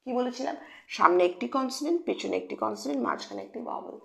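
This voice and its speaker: Patient Bengali teacher woman, gravelly voice. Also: fairly high pitch, lively intonation, racing. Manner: patient, repeats key points and asks pupils questions. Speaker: English phonics teacher. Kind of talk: explanatory lesson for children. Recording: echoey room.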